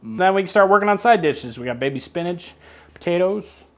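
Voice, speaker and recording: A man's voice: high voice, expressive, fairly quick, a bit bright. Chatty man hosting a home cooking show. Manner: chatty, joking asides while explaining steps. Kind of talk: casual cooking demonstration. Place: home kitchen.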